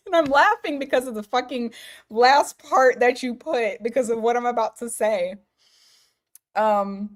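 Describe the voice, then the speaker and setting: A woman giving live tarot readings, talking casually to viewers, laughing often and circling back on her words. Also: medium pitch. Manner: chatty, laughs often, restarts and fillers. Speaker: tarot reader.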